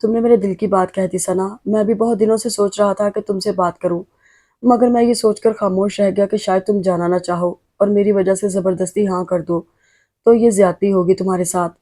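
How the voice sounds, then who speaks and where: A woman's voice: mid-range voice, steady tone, mellow, lightly acted. A woman reading the lines of a remorseful, loving young husband in a pleading, emotional way. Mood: tender. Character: remorseful young husband, tender, guilt-ridden.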